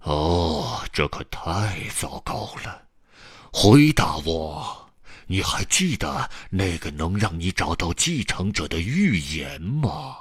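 A man voicing the ghost of an old storyteller uncle, slow, deep and commanding. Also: sing-song, a bit bright, husky, dry recording, clean studio sound, full character voice.

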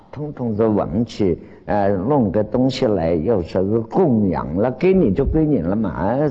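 A man giving a storytelling Chan Buddhist dharma talk, blunt and plain-spoken, acting out the voices of the people he quotes. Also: low voice. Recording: dull lo-fi recording with long hall reverb.

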